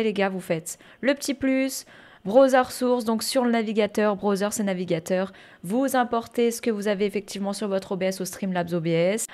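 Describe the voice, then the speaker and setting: A woman giving a casual tutorial on streaming software, chatty and full of fillers, calling her viewers "guys". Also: medium pitch. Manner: chatty, many fillers, addresses viewers as "les gars". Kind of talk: casual screen-share tutorial. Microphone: headset or desk mic with earphones.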